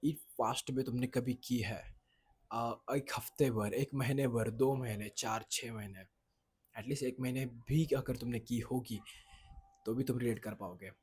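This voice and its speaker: This young vlogger, a Marathi speaker at heart, talks casually on camera in the sun outside a boys' hostel, wandering off topic and fixing his words as he goes. His mid-range voice is husky and a little mellow, with fairly even intonation and a measured pace.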